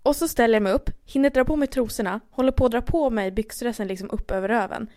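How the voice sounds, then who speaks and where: A young woman from Sweden, co-hosting a podcast and telling an embarrassing story in casual, animated chat. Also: on the high side. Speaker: podcast co-host.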